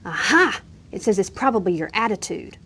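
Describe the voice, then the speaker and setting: A woman reading a storybook aloud voices an eager young knight who is kind, earnest and hopeful, always encouraging his friend. Her medium-pitched voice is brisk and fairly bright, with lively intonation and a slightly rough edge.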